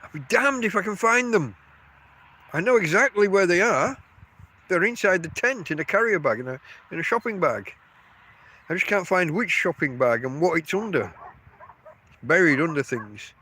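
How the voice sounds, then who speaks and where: A middle-aged podcast host, stuffy-nosed with a cold, talks solo beside his tent at a field camp in a rambling, chatty way, interrupting himself. His high, husky voice has a sharp tone and lively intonation, a moderate pace and frequent pauses.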